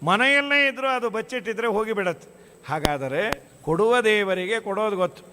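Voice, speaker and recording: A man's voice: high voice, a little fast, noisy background. A man giving a devotional sermon in a monastery hall, telling stories and acting out the dialogue. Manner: storytelling, acts out quoted dialogue; chants scripture verses in melody. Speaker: religious discourse speaker.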